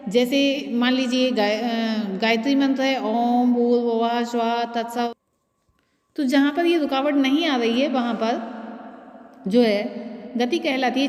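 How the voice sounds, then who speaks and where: A woman teacher giving a steady explanatory lecture, slowing down to recite verses. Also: sits high. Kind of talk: lecture explaining Sanskrit pronunciation methods. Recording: echoey room with long reverb.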